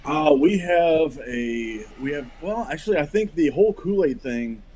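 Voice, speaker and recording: A man in his forties from Missouri, a podcast guest talking in halting casual chat with many restarts. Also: fairly high pitch, expressive, darkish tone, a little hiss or hum. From Missouri, USA. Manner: hesitant, many fillers and restarts. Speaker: podcast guest, firearms company rep.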